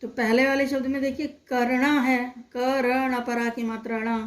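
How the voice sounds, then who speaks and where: A young woman with a high, light voice guides young pupils through a lesson. She breaks each word into its sounds and repeats them patiently, asking simple questions as she goes. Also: level tone. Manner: slow, patient, spells words sound by sound. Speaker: teacher. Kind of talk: online primary-school lesson.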